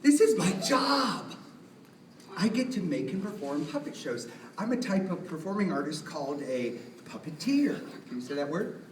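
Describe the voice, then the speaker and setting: Using a high-pitched, sing-song delivery at a moderate pace, a male puppeteer cheerfully opens a live show for kids and quizzes the crowd. The sound is echoey and distant, captured from across the room with music underneath.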